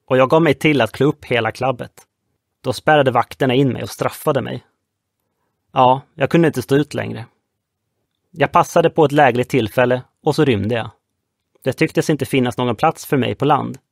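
A man's voice: mid-range voice, vocal fry, no echo, studio quality. A man voicing a young sailor who earnestly recounts his past in an audiobook. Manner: earnest, reflective storytelling.

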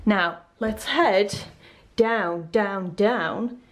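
A young woman giving a chatty, playful home tour, filmed on a handheld camera as she walks through bright indoor rooms. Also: extremely slow. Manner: chatty and playful, with lively jumps up in pitch. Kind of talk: casual home tour vlog. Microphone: handheld camera filming herself as she walks.

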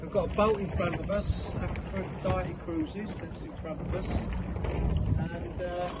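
Middle-aged guy vlogging from a little sailboat, jokey, pokes fun at himself, kinda high voice, wind and water noise all over it. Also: steady tone, takes it slowly. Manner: chatty, jokey, self-mocking. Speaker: vlog host. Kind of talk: casual vlog chat. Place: small sailing dinghy at sea, outdoors. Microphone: phone camera at arm's length.

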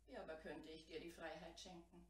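A timid, kind fisher boy speaks slowly and softly, as a woman storyteller voices him. His hushed, hesitant words echo in a roomy space. The mic sits far away. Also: fairly low pitch, fairly even intonation, close to an everyday voice.

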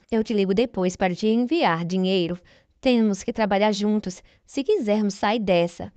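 A woman narrating a soap opera episode summary in an even, measured reading voice. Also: mid-range voice, no echo. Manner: even, measured reading, quoting characters in the same voice. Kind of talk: scripted narration.

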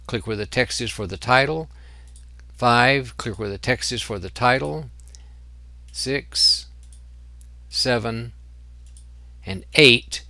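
A man teaching software in a screen-recorded tutorial, explaining each step patiently. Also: mid-range voice, no room sound. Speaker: software instructor.

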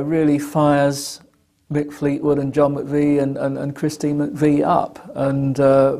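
A man speaks in an interview with a mellow, dark tone. He talks slowly with little change in pitch and many fillers. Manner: flat, slow, with fillers. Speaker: music commentator. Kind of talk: interview commentary.

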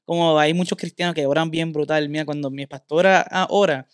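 A man's voice: fairly high pitch, steady tone, a little fast, clear, resonant tone, dry recording, studio quality. Man telling a candid story. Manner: candid storytelling, mixes in English words. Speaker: podcast host.

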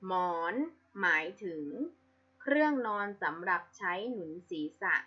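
A woman's voice: lowish voice, very animated, unhurried, breathy edge. A woman teacher giving a reading lesson to young pupils, patiently spelling out each sound. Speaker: primary school teacher. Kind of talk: slow, clear classroom reading lesson. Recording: slightly dull lo-fi audio.

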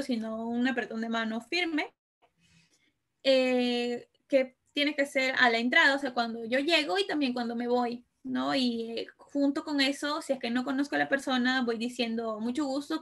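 A woman's voice: high-pitched, a bit bright. A woman giving an informal talk, explaining patiently and tagging her sentences with questions to the audience. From Peru. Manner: explains patiently with many fillers and "¿no?" tags. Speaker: lecturer on Italian customs.

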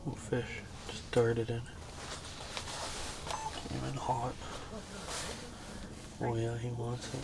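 A young man in a small ice fishing shelter, giving excited running commentary on each bite as he fishes. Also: mid-range voice, takes it slowly, vocal fry, pauses often, very noisy.

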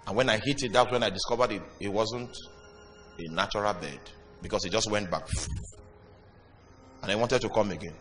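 A man preaching a sermon with dramatic pauses and sudden loud bursts. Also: fairly low pitch. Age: young adult or older. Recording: reverberant hall with music behind.

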